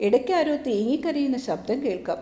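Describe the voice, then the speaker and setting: A woman with a fairly high, mellow voice reads a devotional story aloud in a calm, measured way. The room around her is echoey, and the warmth of her tone softens each line. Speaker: audiobook reader. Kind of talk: scripted narration of a religious novel.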